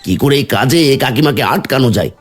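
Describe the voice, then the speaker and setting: A man's voice: medium pitch, expressive, fast, breathy edge, soft background music. A man voicing a smug, scheming, jealous village husband in a cartoon, teasing and bossy.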